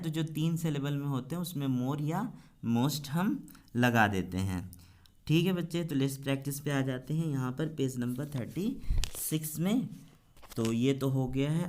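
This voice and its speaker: A man's voice: medium pitch, darkish tone. Indian man teaching an English class. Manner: mixes Hindi and English, addresses students as children, repeats words slowly. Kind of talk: explaining a textbook lesson.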